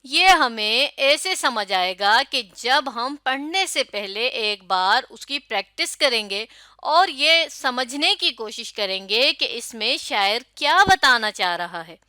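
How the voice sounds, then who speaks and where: A woman teaching a recorded Urdu reading lecture, reading example sentences and reciting verses slowly before explaining them. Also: a little high, expressive, sharp tone, smooth, no echo, studio quality. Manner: reads example lines and verses aloud, then explains them; slow, drawn-out recitation of verse.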